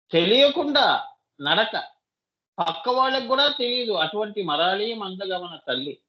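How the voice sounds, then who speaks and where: A man's voice: high voice, muffled recording. A man giving a devotional discourse as a spiritual teacher, often asking his listeners rhetorical questions and calling them child.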